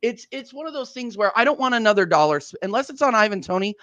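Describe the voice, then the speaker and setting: A man's voice: sits high, lively intonation, fast, a bit bright, no room sound. A man venting as a guest in a fan debate, blunt and sarcastic about his team. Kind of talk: heated football fan debate.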